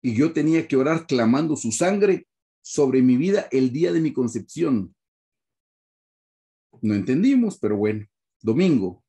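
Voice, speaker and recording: A man's voice: mid-range voice, very animated, measured pace, long pauses, warm tone. A man with a Guatemalan accent, a pastor giving an earnest personal testimony in a sermon over a video call and often calling his listeners brothers. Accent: Guatemalan Spanish.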